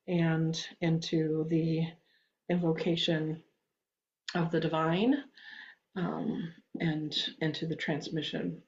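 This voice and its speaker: A woman guiding a meditation and invocation over a video call, speaking in slow, soothing, drawn-out phrases. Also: fairly low pitch, warm tone, slight background noise. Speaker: spiritual channeler leading a meditation. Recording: muffled lo-fi recording.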